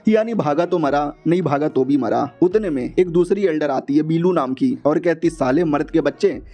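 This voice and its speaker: A man casually retelling a comic story in a chatty, slangy, joking way, slipping into quick voices for the characters. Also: on the high side, warm tone, soft background music. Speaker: manhua recap narrator.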